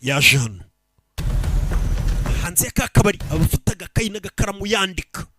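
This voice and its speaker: A man with a Rwandan accent gives excited, exclamatory commentary as he retells and translates an action film, often throwing in short interjections. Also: high voice, fairly quick. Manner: animated, exclamatory, with repeated interjections. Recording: loud film soundtrack behind the voice. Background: loud film music and vehicle sounds.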